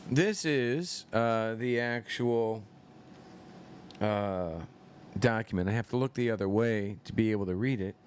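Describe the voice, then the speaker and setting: A man's voice: mid-range voice, a little hiss or hum. A man hosting a live-stream commentary show, rambling and swearing with many fillers and incredulous outbursts. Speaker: political commentary show host.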